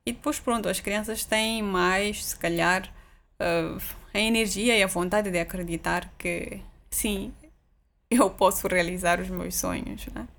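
A woman's voice: medium pitch, fairly even intonation, measured pace, fairly bright tone. A woman speaking as an interview guest, explaining her thoughts hesitantly and checking for agreement as she goes. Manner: hesitant, explanatory, seeks agreement with tag questions. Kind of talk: casual reflective interview talk.

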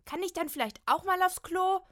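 A woman's voice: very high-pitched, moderate pace, a bit bright, pitched above the performer's own voice. A woman reading a storybook and voicing Kim, an impatient housemate who snaps and grumbles. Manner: snappish, exasperated.

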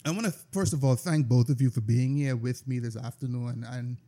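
A man hosting a podcast, asking probing questions in quick succession during a casual discussion. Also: medium pitch, dark tone. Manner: probing, fires off rapid questions. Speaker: podcast host.

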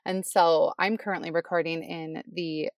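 A woman's voice: deep voice, normal speed. Woman talking from inside a closet, dry sound. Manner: chatty, relaxed, many "like" fillers. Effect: muffled closet sound, dry with no room echo. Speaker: nurse and podcast co-host. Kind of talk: casual chat between friends.

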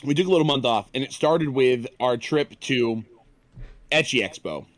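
A man co-hosting a podcast, chatting in a relaxed, rambling way. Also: medium pitch, normal speed. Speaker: podcast co-host. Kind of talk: casual podcast chat.

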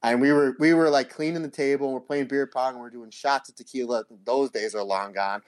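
A man talks casually as a podcast co-host in an average-pitched voice. He rambles through his points in a folksy, joking way. The recording is dry, without room sound. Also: steady tone, a little fast, no echo. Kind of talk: casual chat, anecdotes.

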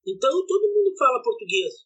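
A podcast co-host telling travel stories in a casual, animated and indignant way, swearing along the way. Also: high voice, fast talker, muffled recording. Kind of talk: casual storytelling chat.

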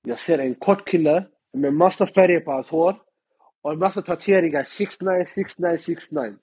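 A young Swedish man with a suburban street-slang accent tells a story in casual chat as a guest, animated and slangy, acting out the characters and mimicking people in English. His voice sits on the high side and is slightly rough. The recording quality is low.

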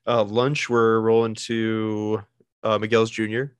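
Easygoing young man, low dry voice. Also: monotone, takes it slowly, smooth, dry recording. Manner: easygoing, profane, hesitant with "uh". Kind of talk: casual chat.

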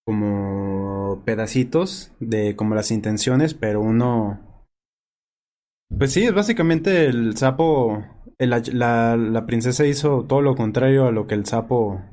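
Mellow man, hesitant chat. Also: mid-range voice, a little slow. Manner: hesitant, searching for words. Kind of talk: casual chat.

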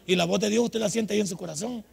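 An older man preaching a humorous, scolding sermon at a night vigil, with sudden loud outbursts. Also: sits high, fast, big-room sound. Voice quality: raspy, gravelly. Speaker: pastor.

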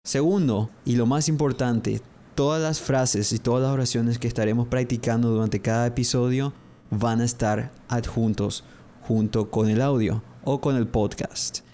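A young man teaches English on a podcast, speaking directly to his listeners. His voice is mellow and warm at a middle pitch. He slows right down to say each model phrase twice. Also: fairly even intonation. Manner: slow, drawn-out model pronunciations repeated twice; explanatory, addresses listeners directly. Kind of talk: podcast language lesson.

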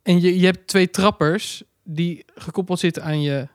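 A man's voice: high voice, steady tone, moderate pace, no echo, studio quality. A young man chatting casually as a podcast co-host, rambling with lots of restarts. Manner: rambling, restarts often, blunt. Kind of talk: casual chat.

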